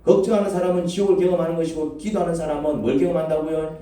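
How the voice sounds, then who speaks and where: A man's voice: a little high, steady tone, very fast, dark tone. A man, a pastor, preaching a sermon in a church and firing questions at the congregation. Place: church sanctuary. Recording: echoey church from a distance.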